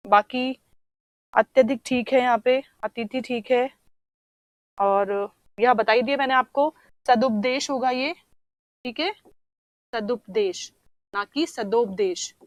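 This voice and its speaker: A woman's voice: a little high, no room sound. A woman teaching a Hindi language lesson for exam preparation, patiently explaining each answer and repeating key words. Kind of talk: online exam-prep lesson.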